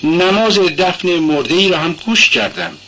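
A man voicing a timid, devout, poor young woman who answers softly and hesitantly, as a character in an audiobook. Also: high-pitched, slight background noise, voice pushed up. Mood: quiet, sad. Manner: soft, hesitant, halting replies. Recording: dull lo-fi recording.

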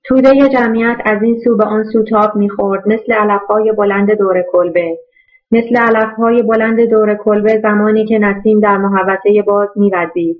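A woman narrating a novel in a steady, even storytelling voice. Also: medium pitch, narrow, tinny audio. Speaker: audiobook narrator. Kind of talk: scripted narration.

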